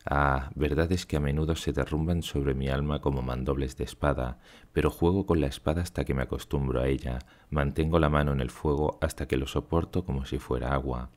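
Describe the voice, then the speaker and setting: Male audiobook reader, Spain Spanish accent, very low voice, solemn and lyrical delivery. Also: steady tone, a little mellow. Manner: solemn, measured, lyrical reading. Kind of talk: literary audiobook narration.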